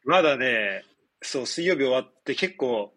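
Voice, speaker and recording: A man in his twenties with a nasal, stuffed-up, husky voice, chatting casually as a podcast host in a rambling, explanatory way. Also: medium pitch, lively intonation, a little slow, bright, forceful tone. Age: 20s. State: congested after nose surgery. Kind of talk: casual chat.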